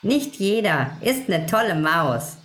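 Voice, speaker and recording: A woman voicing a gentle, kind little male Christmas elf, who speaks in soft soothing rhymes. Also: fairly low pitch, very animated, slow pace, exaggerated voice. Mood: comforting. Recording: roomy echo with faint music.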